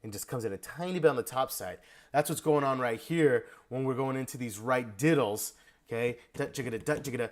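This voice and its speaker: Male drum instructor, energetic feedback delivery, sings rhythms, mid pitch. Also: moderate pace. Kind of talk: video lesson feedback.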